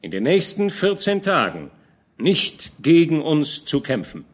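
Heavily acted and unhurried, a man voices an older field captain who's shrewd and fatherly. The captain admonishes knowingly, with a lively pitch.

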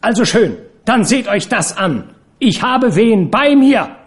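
A man voicing a fiery young actress and courtesan, shrill and scolding as she shouts. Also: animated, a little fast, lightly acted. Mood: screaming.

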